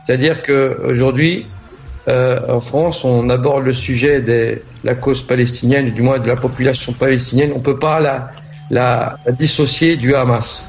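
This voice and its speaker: A man's voice: mid-range voice, steady tone, measured pace. A man hosting a live talk show, speaking earnestly and hesitantly as he thinks aloud, with faint music behind. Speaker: host. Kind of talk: casual live discussion.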